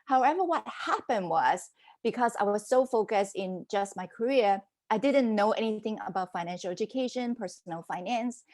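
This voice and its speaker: With a mid-range voice at normal speed, a female business mentor in her forties walks a podcast host through her life story. Her upbringing spanned Hong Kong and Canada, and her delivery is animated and conversational, like casual interview storytelling.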